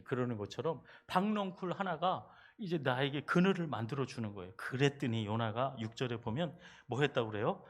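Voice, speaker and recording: A male pastor giving a sermon, telling the story in an animated way and quizzing his listeners. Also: mid-range voice.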